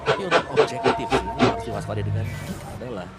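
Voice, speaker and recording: A man's voice: mid-range voice, big pitch swings, fast, creaky. A man with an Indonesian accent giving explanatory esports commentary, mixing in English gaming slang. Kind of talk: analytical live game commentary. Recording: loud music behind commentary. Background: loud music.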